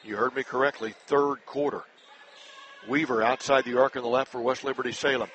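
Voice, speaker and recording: A male play-by-play announcer calls a basketball game at a brisk clip, his pitch jumping up and his voice getting louder on every drive and shot. His voice is mid-range. Loud noise hangs under the broadcast. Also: steady tone. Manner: brisk, rising sharply in pitch and volume on big plays. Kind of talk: live high school basketball play-by-play.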